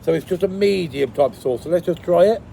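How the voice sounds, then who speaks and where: A man casually reviewing food in a vlog, chewing and eating as he talks, with a creaky voice. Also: on the high side, expressive, a little fast, mellow, a little hiss or hum. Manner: chewing and eating while talking.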